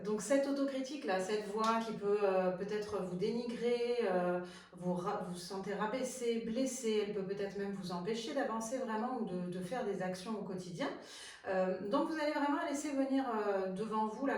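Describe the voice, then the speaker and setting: A woman's voice: mid-range voice, a little mellow. A woman sophrology coach giving a chatty, hesitant instructional talk to viewers. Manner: chatty and hesitant, many fillers and restarts. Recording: very echoey room, far from the mic.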